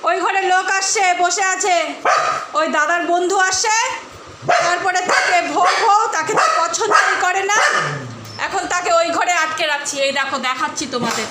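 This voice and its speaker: A woman vlogging at home, talking to her viewers and scolding and coaxing her dog with quick repeated commands. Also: very high-pitched. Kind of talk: casual home vlog narration. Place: inside a home. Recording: echoey room with background noise.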